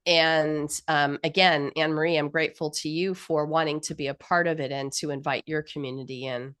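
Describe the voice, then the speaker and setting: A woman in her fifties hosting an author info session over a video call, sounding nasal from a cold and talking with enthusiastic, rambling warmth. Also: low voice, fairly even intonation, brisk, clear, resonant tone. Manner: enthusiastic, grateful, rambling with fillers. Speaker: publisher and host.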